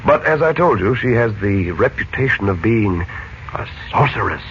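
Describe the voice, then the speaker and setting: In a muffled, noisy late-1940s radio recording, an American actor voices a calm, confident middle-aged mystic hero who is also a kindly uncle. His lowish male voice sounds pensive and explanatory as he speaks in a measured, reassuring way.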